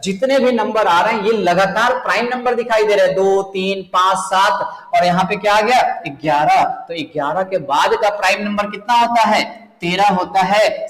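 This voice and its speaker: A high-voiced male teacher coaches students through exam math, quizzing them as he goes. His voice rings in a roomy space with a long reverb tail. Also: fairly bright tone. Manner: explains step by step, asks the students questions, addresses them as children. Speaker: math teacher for bank exams. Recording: echoey room, long reverb.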